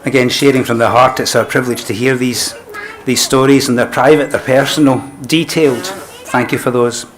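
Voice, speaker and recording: A man serving as funeral celebrant, gently introducing the next speaker. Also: medium pitch, steady tone, moderate pace. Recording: distant, noisy room recording.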